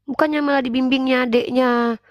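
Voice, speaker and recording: A woman hosting a religious debate livestream, scolding and preaching in a forceful way. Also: high-pitched, steady tone, fairly quick, no room sound, lo-fi sound. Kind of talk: livestream talk.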